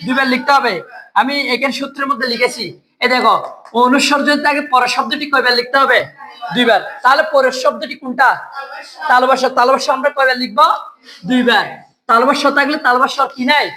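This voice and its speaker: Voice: high-pitched, steady tone, quick pace, sharp tone, poor audio. A teacher giving an exam-prep lesson, asking the class questions and answering them right away. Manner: quizzes students, asks and answers own questions. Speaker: Bengali grammar teacher.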